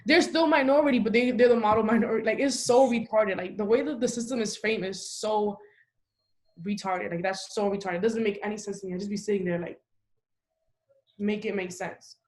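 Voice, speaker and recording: A young woman from the Dominican Republic chats casually on a podcast. She talks in a loose, emphatic way, leaning on "like" as a filler. Her voice sits at an ordinary middle pitch. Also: a little fast, a little mellow. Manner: talkative, frequent "like" fillers, emphatic. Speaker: podcast host.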